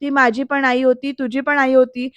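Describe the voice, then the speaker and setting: A man's voice: very high-pitched, monotone, normal speed, a bit bright, clear, resonant tone, dry recording, muffled recording. A woman voicing a hot-headed young man who bursts out angrily and repeats himself. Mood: furious. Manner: angry outbursts, repeating himself.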